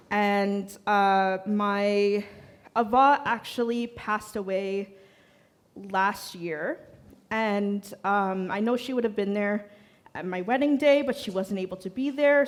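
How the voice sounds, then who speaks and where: A young woman directing children's programs, talking casually to a congregation in a chatty, hesitant way with many fillers. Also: medium pitch.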